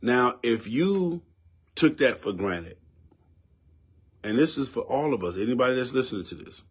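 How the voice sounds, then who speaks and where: A man's voice: medium pitch, very animated, moderate pace, husky. A man in his fifties with a Southern US accent, giving his opinion in a casual, preachy way and repeating words for emphasis. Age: 50s. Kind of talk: casual spoken commentary.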